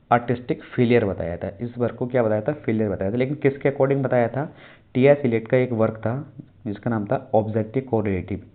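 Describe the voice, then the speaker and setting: A man teaching an exam-prep class, putting a question to his students and then answering it himself. He reads English questions aloud slowly and mixes English terms into Hindi. His voice is mid-pitched and comes through a narrow, phone-like band. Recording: tinny phone-like sound.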